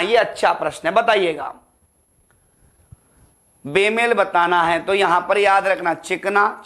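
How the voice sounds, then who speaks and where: A male Hindi teacher with a high-pitched, fairly bright voice runs an exam prep lesson. He keeps posing questions to his students and answering them himself, calling them "beta" and "ladlo".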